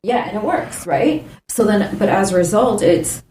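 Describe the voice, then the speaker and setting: A woman's voice: mid-range voice, expressive, moderate pace, warm tone, reverberant, a little hiss or hum, poor audio. A woman from Canada, a guest on a radio panel, talking through political points in a thoughtful, hedging way and laying them out one by one. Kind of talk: casual political discussion. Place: radio studio.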